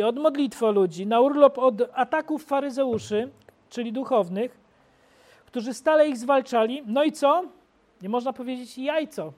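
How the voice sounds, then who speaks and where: A man preaching a sermon in an animated, storytelling way. His voice jumps from loud, excited bursts to low, quiet asides as he paints the scene for the congregation.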